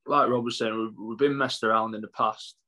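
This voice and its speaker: Man, twenties, boxer, lowish voice, casual interview answers, laid-back, repetitive phrasing. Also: steady tone, brisk, pushed and bright. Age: 20s. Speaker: professional boxer being interviewed.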